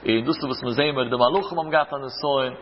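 Rabbi preaching in a reverberant hall. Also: male voice, medium pitch, quick pace, a little hiss or hum. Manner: teaching with rhetorical questions and anecdotes. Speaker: rabbi giving a Torah talk. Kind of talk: religious lecture with stories. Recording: reverberant hall, dull lo-fi sound.

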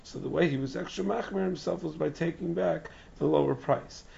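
Male religious teacher, lost-voice hoarseness, heavy gravelly rasp, explaining text line by line, dull muffled recording. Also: on the high side, a little fast, darkish tone. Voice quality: raspy, strained, breathy croak. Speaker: religious teacher giving a daily Talmud class. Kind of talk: Talmud lesson, reading and explaining text.

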